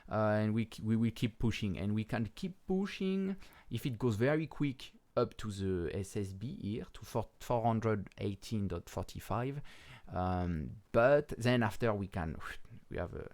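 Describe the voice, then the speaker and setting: A man with a French accent and French as his first language, talking through crypto charts in a casual, halting way with many pauses and restarts, and swearing bluntly now and then. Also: lowish voice, expressive, a little mellow. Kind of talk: casual market commentary over charts.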